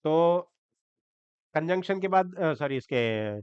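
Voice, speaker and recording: A man with a clear, smooth, fairly high voice teaches a grammar lesson, breaking words down slowly and checking in with his students. The sound is dry and close but a little dull. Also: animated, darkish tone, dry recording. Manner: explains step by step, spells words letter by letter, asks checking questions. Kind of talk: Hindi-language grammar lesson.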